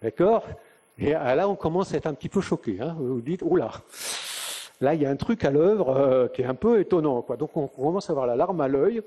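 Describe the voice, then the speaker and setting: A man's voice: a little high, animated, brisk, warm tone, muffled recording. An older man from northern France giving a live conference lecture, telling stories and asking rhetorical questions. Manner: conversational storytelling with rhetorical questions. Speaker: conference speaker. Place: conference venue.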